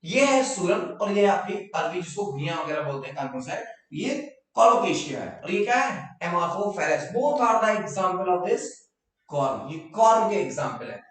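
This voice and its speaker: बहुत गूंजते कमरे में ऊँची आवाज़ वाला शिक्षक. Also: male voice, sits high, sing-song, measured pace, a bit bright, recorded from a distance. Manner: explains in mixed Hindi and English, repeats key terms, invites student questions. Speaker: biology teacher. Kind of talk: online live class lecture. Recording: very echoey room, voice off-mic.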